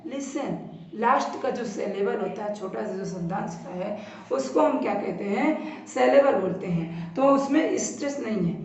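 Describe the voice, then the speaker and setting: A woman teaching an English grammar lesson, explaining slowly and repeating each point while pointing at a board. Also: on the high side, vocal fry. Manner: slow, repetitive explaining at a board. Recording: very echoey, distant, dull lo-fi room.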